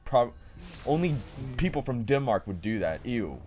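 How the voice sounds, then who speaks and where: A man's voice: mid-range voice, sing-song, moderate pace, darkish tone, faint music behind. Joking guy hosting a let's play. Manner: joking, sarcastic teasing. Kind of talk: casual gameplay commentary with a friend.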